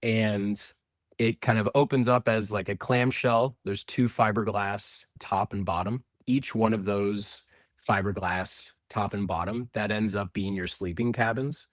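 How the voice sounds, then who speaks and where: Discussing his family business in an interview, a man from Indianapolis, USA, speaks as the company's representative, explaining with repeated restarts. His voice sits on the low side, with fairly even intonation and an unhurried pace, recorded at studio quality with no echo.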